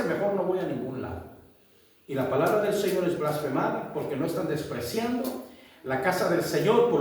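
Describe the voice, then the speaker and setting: A man preaching a sermon, often acting out church members' quoted remarks in little voices. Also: high voice. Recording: echoey room, voice from a distance.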